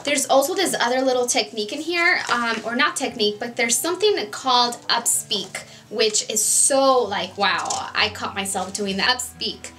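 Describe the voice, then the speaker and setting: A woman's voice: on the high side, moderate pace, hardly any pauses, bright, forceful tone. A young woman in her twenties chatting casually on her vlog, earnest and full of "like" and "you know" fillers. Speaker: beauty vlogger. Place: home, Southern California.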